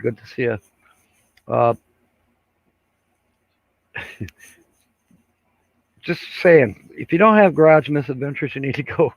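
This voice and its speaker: A mid-range male voice with vocal fry, recorded dry, belongs to an older man casually hosting a live stream. He reads viewer comments while rambling and chuckling, full of fillers, and the audio comes across dull and lo-fi.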